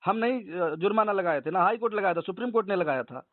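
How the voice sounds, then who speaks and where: Animated and fast-talking, a high-voiced man heads an organisation and spars with a caller by phone, insisting on his position and repeating himself. The tinny, narrowband call is recorded dry.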